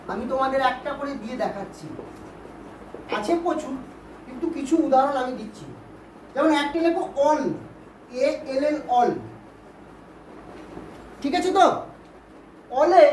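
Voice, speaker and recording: A woman gives a Bengali-language grammar lesson on English vowel sounds, patiently repeating words and asking pupils questions to check they follow. Her voice sits high and is a little mellow. The recording sounds roomy and distant, with faint hiss.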